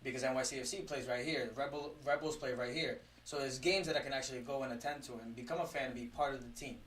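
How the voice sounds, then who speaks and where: A man's voice: mid-range voice, steady tone, fast talker, fairly bright tone, far from the mic, poor audio. A man from Costa Rica co-hosting a casual podcast, speaking plainly with many "you know"s. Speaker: podcast co-host.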